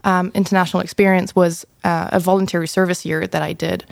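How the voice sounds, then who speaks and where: A woman's voice: on the low side, little pitch movement, fast, vocal fry, dry recording, clean studio sound. A woman in her twenties from Germany, a student guest on a podcast, speaking in an articulate, reflective way. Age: 20s. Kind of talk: podcast discussion.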